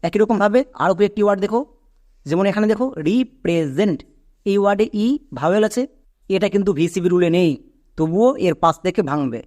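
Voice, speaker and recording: A man's voice: high-pitched, a little fast, darkish tone. A man gives a spoken English lesson. He takes it step by step, asks his learners questions and drags out each syllable when he sounds out a word. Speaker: English teacher.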